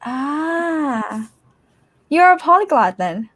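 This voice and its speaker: A woman's voice: high-pitched, very animated, very slow, a bit bright, no echo. A woman hosting a casual live language chat, reacting expressively and encouragingly to her guest and commenters. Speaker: host of a language-teaching channel.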